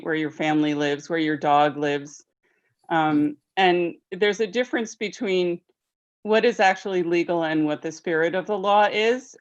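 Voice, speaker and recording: A woman giving public comment at a town meeting, calling in remotely over a crackly, breaking-up phone line and talking hesitantly. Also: fairly low pitch. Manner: hesitant, restarting over a bad connection. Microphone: remote call in to the meeting. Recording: muffled, distant remote call line.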